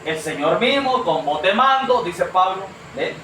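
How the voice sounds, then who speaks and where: A man's voice: sits high, expressive, measured pace, bright, forceful tone, slight background noise. A man preaching a sermon to a congregation, earnest and questioning, calling them brother. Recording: echoey room from far off.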